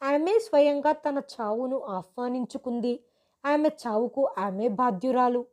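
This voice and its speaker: A woman voicing a stern middle-aged father in a story, speaking in a flat, measured way. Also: high-pitched. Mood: cold.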